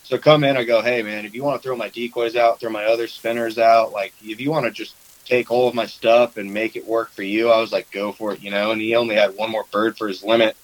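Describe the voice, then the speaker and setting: A man's voice: lowish voice, fast talker, hardly any pauses, rough recording. A man chatting casually about duck hunting, telling stories and acting out the quotes. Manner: animated storyteller, acts out quotes.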